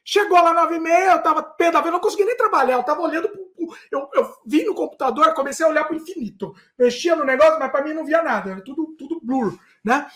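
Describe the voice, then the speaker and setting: A man with a notably high-pitched voice tells an animated story. He acts out both sides of a heated argument, shouting and mimicking voices for dramatic effect. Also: fast talker, few pauses. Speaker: podcast host. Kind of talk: animated storytelling in casual chat.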